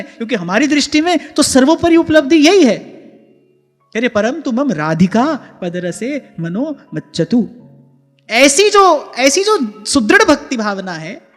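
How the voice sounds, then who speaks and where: A man giving a devotional sermon, moving between quick explanation and slow recited verse. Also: very high-pitched, a bit bright. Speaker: spiritual preacher. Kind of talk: devotional discourse with chanted verses. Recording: reverberant hall with faint music.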